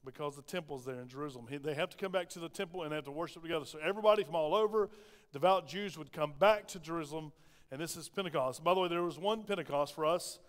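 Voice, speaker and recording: In a church sanctuary, a pastor with a Southern American accent preaches a sermon, posing many rhetorical questions to the congregation. His voice is a little high and moves quickly, and the long reverb of the church hall fills the recording.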